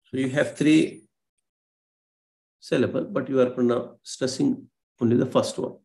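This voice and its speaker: A man's voice: mid-range voice, fairly even intonation, unhurried, creaky, darkish tone. A male lecturer on a live online class, explaining patiently with many fillers and self-corrections over a video call.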